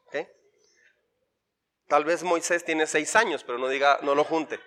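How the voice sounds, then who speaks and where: In church, a male pastor leads his congregation through an interactive Bible workshop, keeping it playful while repeating lists and questions for them to answer. His voice leans high and fairly bright, with fairly even intonation and a measured pace.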